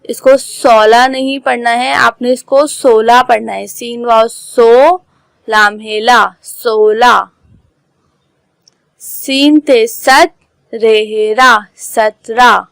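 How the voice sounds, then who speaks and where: A woman teacher dictates slowly and carefully, spelling each word out letter by letter for young pupils. Her voice sits a little high and sounds smooth and clear. The recording is close and dry. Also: steady tone, fairly bright tone, no echo, poor audio. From Pakistan. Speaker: school teacher. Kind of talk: online class lesson, spelling out words.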